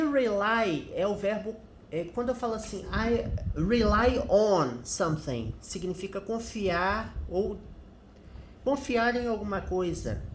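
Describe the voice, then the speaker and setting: A woman's voice: medium pitch, slight background noise. A woman, an English teacher patiently explaining a news article word by word. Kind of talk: commented reading of a news article. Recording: echoey room.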